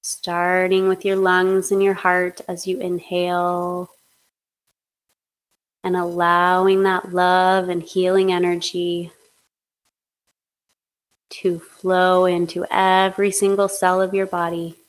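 Female hypnotist, low-pitched and very even, soothing guided induction. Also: low-quality recording. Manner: slow, soothing, monotone guidance.

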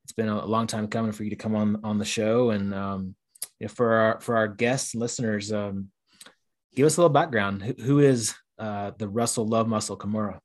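A man's voice: lowish voice, fairly even intonation, fairly quick. A man co-hosting a podcast, welcoming a guest in a joking, casual way. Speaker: podcast co-host. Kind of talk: casual interview chat.

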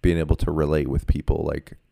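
A man's voice: very deep voice, little pitch movement, fast talker, vocal fry, mellow, dry recording, clean studio sound. A young man co-hosting a podcast, chatting in an easygoing way full of fillers and steering the conversation. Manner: easygoing, many fillers, leads the talk. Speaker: podcast co-host. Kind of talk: casual chat.

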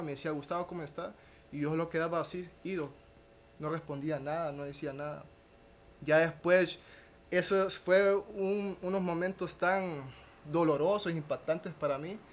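On a podcast, a young man stumbles through his personal testimony, with restarts and a questioning tag closing his phrases. His pitch is on the high side, and some light background noise can be heard.

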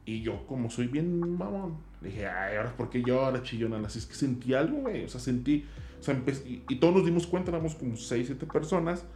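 A man's voice: on the high side, lively intonation, fairly quick, warm tone, reverberant. A man with a Mexican accent, a guest telling stories in a casual chat, slangy and loose, dropping "güey" constantly. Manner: slangy, peppers speech with "güey". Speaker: guest, zombie walk organizer.

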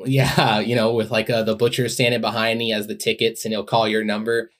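A man's voice: lowish voice, level tone. Easygoing Texan man chatting. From Texas, from Waco. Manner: easygoing, halting, laughs often. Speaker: podcast co-host. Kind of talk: casual chat.

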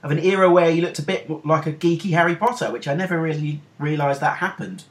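A man's voice: fairly high pitch, fast talker. A middle-aged British man hosting a podcast in an informal, rambling, self-deprecating chat style. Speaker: podcast host.

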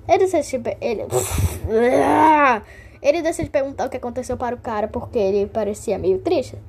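A woman's voice: on the high side, normal speed, a little mellow, slight background noise. A young woman reading a fanfic aloud, with playful, jokey asides. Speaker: vlogger.

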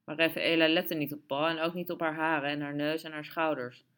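A woman reading a story aloud in steady, measured narration. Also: sits low, clean tone. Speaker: audiobook reader. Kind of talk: scripted narration.

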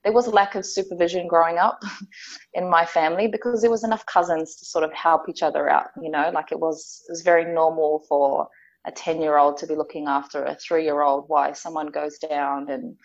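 A woman with a New Zealand accent talks as a podcast guest, her voice sitting low. She speaks candidly and reflectively, with frequent ums and soft laughs. The sound is a little dull and lo-fi. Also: level tone, fairly quick. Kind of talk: personal storytelling in conversation.

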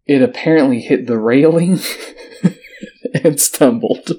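A man's voice: medium pitch, slow pace, mellow, breathy edge. Man reading a creepy tale aloud. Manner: reads an article aloud, breaking off for joking asides. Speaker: podcast host. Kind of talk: casual podcast chat, reading a story aloud.

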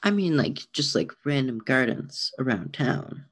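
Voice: mid-range voice, expressive, unhurried, fairly bright tone. A podcast co-host chatting casually about songs, rambling and self-deprecating with hesitant restarts. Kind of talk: casual chat reviewing songs.

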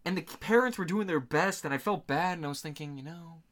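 A man's voice: fairly high pitch, fairly quick, a bit bright. Guy in his mid twenties on a podcast, rambling story, swears a lot, does little voices for quotes. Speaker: podcast co-host. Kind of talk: casual chat.

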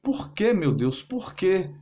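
A man's voice: high voice, very animated, unhurried, darkish tone, voice pushed up. A man voicing a middle-aged husband who has been betrayed, bitter and anguished, speaking intensely.

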